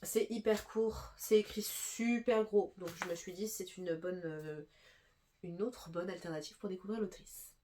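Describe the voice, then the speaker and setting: A woman's voice: on the low side, measured pace, mellow, slight background noise. A young woman with a stuffy nose chatting casually through a book haul, full of fillers and restarts. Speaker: booktuber.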